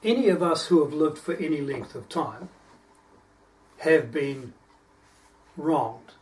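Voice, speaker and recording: A man's voice: fairly high pitch, expressive, slow pace. A man preaching a sermon, reading scripture aloud and stopping to explain verses in an earnest teaching manner. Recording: distant microphone.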